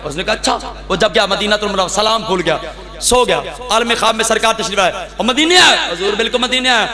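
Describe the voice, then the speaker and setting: Male preacher, very high voice, acts out the stories and rouses the gathering, echoey hall. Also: animated, fairly quick. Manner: acts out the voices in his stories, calls the crowd to answer. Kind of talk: religious speech at a gathering.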